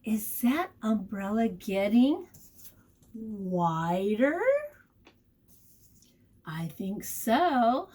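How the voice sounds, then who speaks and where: At storytime, a preschool teacher reads a picture book aloud and teaches vocabulary to young children, encouraging them expressively, asking them questions, and stretching out key words. She uses a mid-range, slightly mellow voice with lively intonation, speaking very slowly with long pauses.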